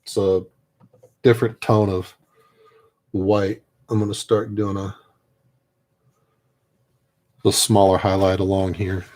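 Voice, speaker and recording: This army veteran's deep, level voice unhurriedly unfolds with many pauses as he paints miniatures. His talk is casual and reflective, soft-spoken and rambling, and at times it simply trails off.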